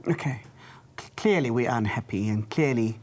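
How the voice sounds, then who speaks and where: Blunt, deep-voiced woman judge. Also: moderate pace, a little mellow. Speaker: talent show judge.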